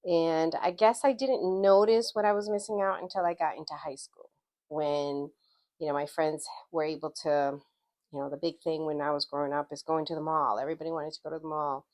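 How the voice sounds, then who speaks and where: Woman, middle-aged, from Guatemala, low pitched, reflective storytelling. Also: fairly even intonation, brisk, a little mellow. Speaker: interview guest. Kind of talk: casual interview.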